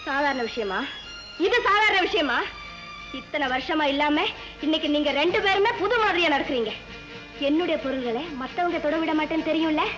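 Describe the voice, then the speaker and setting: An actress plays a touchy young woman in a 1970s film drama who guards her belongings fiercely and turns every slight into bitter reproach. Her voice sits very high, over a film score. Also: fairly quick, highs cut off, music in the background, lightly acted. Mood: hurt, bitter. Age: young adult. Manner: bitter, self-pitying reproach. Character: touchy, possessive young woman, easily wounded. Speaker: unmarried younger sister.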